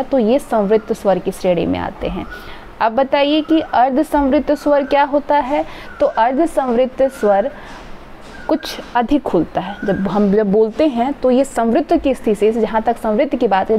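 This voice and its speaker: A woman's voice: fairly high pitch, mellow. A woman teaching an exam-prep grammar lesson, explaining step by step and drawing out sample sounds. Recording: dull lo-fi recording with faint noise.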